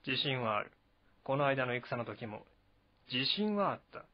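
A man reading a historical novel aloud at first sight, at a steady, even pace, with the odd slip and restart. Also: mid-range voice, measured pace, highs cut off.

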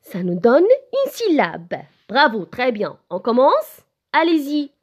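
A woman with a Moroccan French accent teaching a recorded lesson to young children, slow and sing-song, spelling letters one by one. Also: high-pitched, huge pitch swings. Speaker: preschool teacher.

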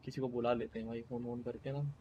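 Subdued Hindi-accented streamer chatting. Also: male voice, little pitch movement, fast, dull audio. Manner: greets chat viewers by name, chatty; speaking low and subdued. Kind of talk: casual stream chat.

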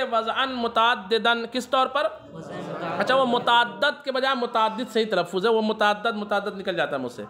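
A male religious teacher giving a classroom lecture, reading Arabic text slowly and then explaining it, often asking a question and answering it himself. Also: high-pitched.

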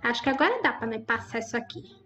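A woman's voice: on the high side, big pitch swings, fast, fairly bright tone, highs cut off, faint music behind. A woman giving chatty, exclaiming commentary over her Roblox gameplay and talking straight to her viewers. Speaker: gaming YouTuber.

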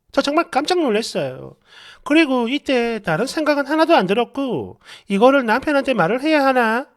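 Exasperated woman narrating a gossipy story. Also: on the high side. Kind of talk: dramatized reading of an online post.

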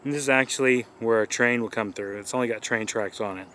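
Here the riverside travel vlog is narrated quickly by a man whose mid-range voice holds a steady tone and sounds a bit bright. He's relaxed and excited as he tours the walk, with slight background noise present.

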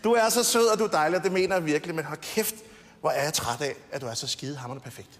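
Guy with high voice doing a roast speech, teasing, laughing along, hall echo. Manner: teasing, laughs at own jokes. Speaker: roast speaker. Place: TV studio stage with audience. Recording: long hall reverb, faint noise.

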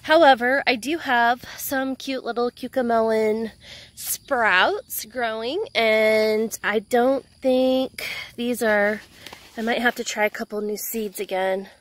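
A woman's voice: on the high side, takes it slowly. A young woman with a Texan accent, chatting casually as she films a walk through her backyard garden on a handheld phone. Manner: chatty, easily excited, trails off mid-sentence. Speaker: home gardener giving a garden tour. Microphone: handheld phone camera, filming while walking.

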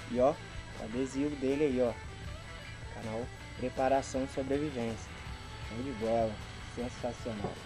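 Recorded with poor audio from a camera a couple of meters off, a thirtysomething Brazilian vlogger with a mid-range voice does an unboxing in a rural garden. His slangy, informal chat to camera is peppered with appreciative exclamations.

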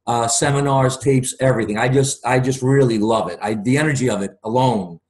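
A man's voice: mid-range voice, a little fast, darkish tone. Man in his forties, earnest and talkative, chatting over a webcam from a room at home, casual video call. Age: 40s. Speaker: guest.

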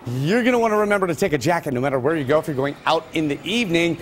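A man's voice: on the high side, expressive, very fast, a little hiss or hum. Man anchoring local evening news. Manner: loose and conversational between scripted items. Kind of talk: news reading with ad-libbed asides.

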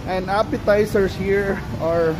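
A man from the Philippines with a Filipino accent, chatting excitedly as a food vlogger while filming on a phone in a hotel buffet. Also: high-pitched, a little slow. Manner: chatty, excited exclamations, mixes English and Filipino. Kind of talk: casual buffet walkthrough. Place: busy hotel buffet restaurant, indoors. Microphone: handheld phone camera. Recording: loud restaurant background noise.

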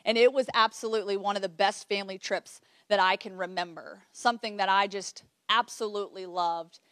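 A woman delivers a motivational keynote with a mid-range voice. She tells her story with bright energy and a chatty, direct tone that pulls the audience in. The recording is dry and close, with no room echo. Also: medium pitch, fairly even intonation, fairly quick. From Virginia, United States. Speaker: keynote speaker.

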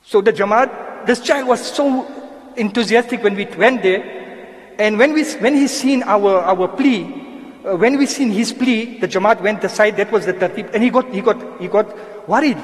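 High-pitched preacher in an echoing hall. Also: male voice, moderate pace. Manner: impassioned, appealing to the congregation; sprinkles Arabic religious phrases. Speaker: moulana giving a Friday lecture. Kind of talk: sermon. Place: mosque hall. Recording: long echo of a mosque hall.

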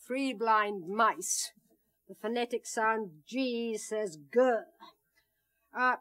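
An older woman hosting a television gardening demonstration, talking in a brisk, wry, emphatic way, recorded on an indoor studio set from an old 1960s television tape. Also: on the high side, a bit bright. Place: indoor studio set among potted plants.

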